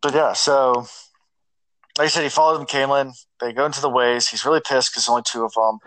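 A man's voice: mid-range voice, fairly even intonation, brisk, fairly bright tone, dry recording, poor audio. A man co-hosting a podcast over an online voice call, recapping the plot at length with lots of fillers. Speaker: podcast co-host. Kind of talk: casual book discussion chat.

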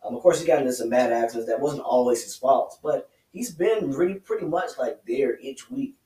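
On a casual motorsport podcast, this male co-host talks fairly quickly in a mid-range voice with a dark tone, stumbling through many fillers and restarts. The mic is distant and the room sounds roomy.

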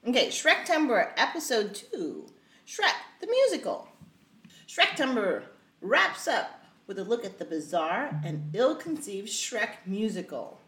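A woman's voice: mid-range voice, very animated, unhurried, a bit bright. A woman chatting as a podcast guest, playful and giggly, often breaking into laughter. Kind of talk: casual podcast chat. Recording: roomy echo.

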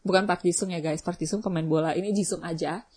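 A young woman, hosting a vlog and chatting casually with viewers, telling a story in a slangy, animated way. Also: lowish voice, fast, slightly rough. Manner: chatty storytelling, slangy Jakarta-style, animated when excited. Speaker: vlog host.

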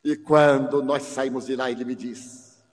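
A man voicing an old mother in a wheelchair who is full of remorse and speaks softly and tenderly. Long hall reverb. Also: medium pitch, steady tone, unhurried, pitched below the performer's own voice, close to an everyday voice. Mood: confessing. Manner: soft, quiet, tender.

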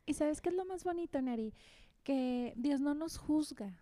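A woman's voice: sits high, expressive, moderate pace, dark tone. A married woman, chatting casually about faith with many fillers and frequent laughs. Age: adult, married. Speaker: co-host.

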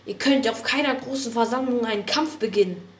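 A woman's voice: fairly high pitch, fairly quick, echoey room, natural voice. A woman voicing an anxious, pleading male warrior cat clan leader in a spoken story.

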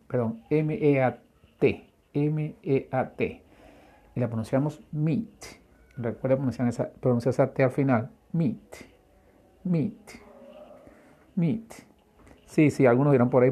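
A man's voice: medium pitch, dark tone, slightly rough. A man teaching an English pronunciation lesson, patiently repeating and spelling out each word. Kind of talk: language lesson.

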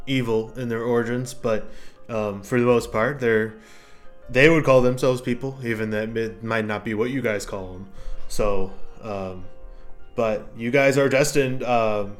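A man voicing an ancient, friendly talking mushroom with a gruff voice and a halting, rambling, folksy way of talking, in a fantasy tabletop game. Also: mid-range voice, steady tone, soft background music, natural voice. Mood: welcoming, earnest.

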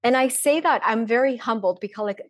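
A woman's voice: fairly high pitch, fairly quick, dry recording. Reflective woman mentor, dry close sound. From Poland. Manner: open and reflective, with frequent fillers. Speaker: guest, breathwork and mindset mentor. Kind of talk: casual interview talk.

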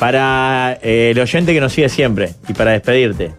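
A man's voice: medium pitch, normal speed, faint music behind. A man with a Uruguayan accent hosting a radio panel, telling stories in casual, teasing banter and laughing often. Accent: Uruguayan Rioplatense Spanish.

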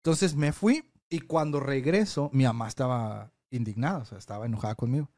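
A man's voice: mid-range voice, brisk, no room sound. Man, podcast co-host, rambling storyteller, dry close sound. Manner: rambling, animated storyteller with many fillers. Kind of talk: casual chat, storytelling.

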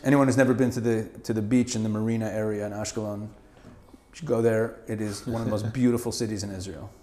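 He's a fast-talking, middle-aged Canadian with a fairly low voice, appearing as a guest in a casual interview. Lively and prone to laughing, he often stammers and starts his sentences over.

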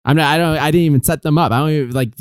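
Animated sarcastic man reviewing a film. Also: a little high, very fast, clear, resonant tone, dry recording, studio quality. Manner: animated, sarcastic, laughs often. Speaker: podcast co-host. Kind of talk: casual film review chat.

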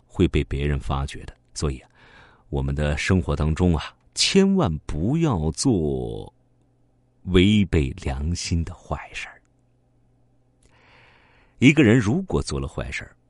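Animated low-voiced man telling children's stories. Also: dry recording, studio quality. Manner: animated, sing-song with drawn-out particles. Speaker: children's storyteller. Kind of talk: storytelling for children.

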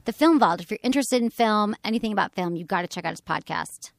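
A woman hosting a podcast in a radio studio, talking fast and with lots of energy in casual chat. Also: medium pitch, animated. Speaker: podcast host. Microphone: studio microphone.

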